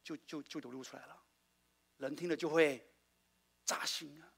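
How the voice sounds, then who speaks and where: A male pastor preaching a sermon, asking his congregation questions and swinging between loud exclamations and quiet asides. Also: a little high, steady tone, normal speed, creaky, husky. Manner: call-and-response preaching, asks the congregation questions.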